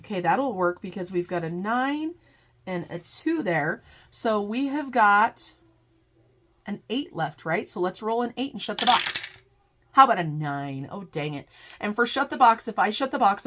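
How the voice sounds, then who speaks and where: A woman's voice: mid-range voice, noisy background. Brief: middle-aged woman, congested, chatty vlog host talking straight to her viewers, faint clicking behind. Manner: chatty, addresses viewers as "you guys". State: congested from a cold. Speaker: budgeting channel host. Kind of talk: casual budgeting vlog.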